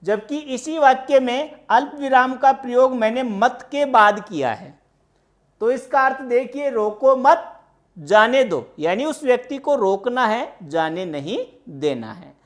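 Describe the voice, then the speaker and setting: A woman teacher giving a grammar lesson, deliberate and explanatory, posing questions to her class and answering them herself. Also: fairly high pitch, big pitch swings.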